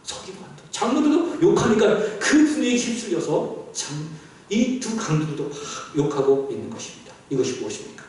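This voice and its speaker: High, lively pastor preaching in echoey hall. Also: male voice, brisk, far from the mic. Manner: animated preaching, asks the congregation questions. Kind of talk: sermon. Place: church sanctuary.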